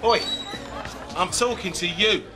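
An actor playing a brash, mocking loudmouth who laughs and shouts insults in a bar. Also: male voice, high voice, slow. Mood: taunting. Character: brash loud-mouthed rich man, taunting in a bar. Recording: noisy bar with music and crowd. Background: music and crowd chatter.

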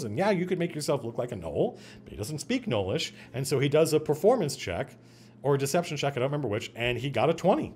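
A man hosting a casual stream about running tabletop games, talking in an animated, digressive way with frequent restarts. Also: a little high. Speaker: host and game master. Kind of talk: casual livestream talk on game mastering.

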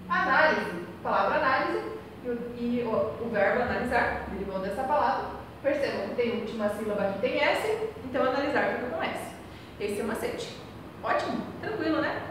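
A woman teacher with a high voice walks students through a class, posing their questions aloud and then answering them. She spells out letters and goes back over the key points. Her voice comes from far across a very echoey hall, with faint noise behind it. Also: fairly bright tone. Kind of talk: recorded remote class lesson.

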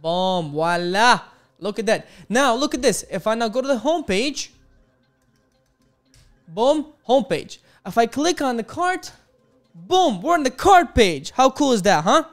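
Speaking a little slowly but very animated, this young man from Ukraine teaches coding on a livestream, faint music behind him. He types while chatting with viewers, upbeat and exclamatory, often saying boom and beautiful. He's in a small home studio with headphones and a studio mic on an arm.

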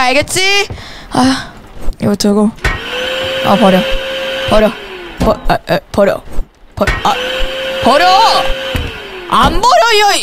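A young woman casually commenting while she plays a game, chatty and given to loud startled exclamations and playful scolding. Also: sits high, background noise. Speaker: game streamer.

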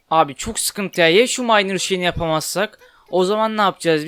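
A young man giving casual commentary while playing a game, chatty and quick to get frustrated and swear at it. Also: high voice, fairly bright tone, smooth, no room sound. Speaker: gaming YouTuber. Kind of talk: casual Let's Play commentary.

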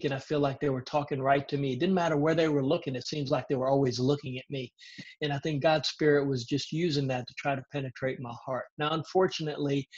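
A man around sixty, a pastor, with a faint Southern US drawl, tells his story earnestly and casually, often pausing on "uh". He talks from a living room through earbuds on a video call, and the sound is muffled and lo-fi. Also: medium pitch, breathy edge. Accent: slight Southern US. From Israel. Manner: earnest storytelling, frequent "uh" fillers. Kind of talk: personal testimony, casual. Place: home living room, indoors. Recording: dull lo-fi video call audio.

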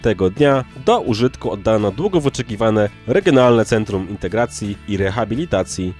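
Male news voice-over, lowish pitch, scripted delivery, soft music bed. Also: expressive, normal speed. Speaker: news narrator.

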